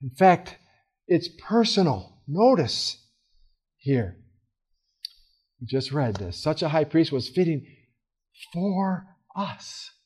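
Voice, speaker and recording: A man leading a Bible study with a voice that sits fairly high for a man. He talks in an earnest, conversational way, full of fillers and restarts. His stressed words come out loud, and he drops to soft, quiet asides in between. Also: big pitch swings, takes it slowly, pauses often, slightly rough. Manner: casual, with many fillers and restarts. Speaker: Bible teacher.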